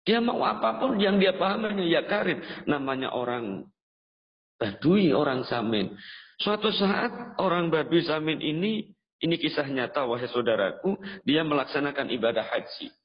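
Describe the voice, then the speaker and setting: A man's voice: big pitch swings, moderate pace. Dramatic Indonesian-style preacher man, echoing hall. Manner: dramatic storytelling, acting out the figures with big pitch swings and chanted phrases. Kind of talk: storytelling sermon. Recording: dull reverberant hall sound.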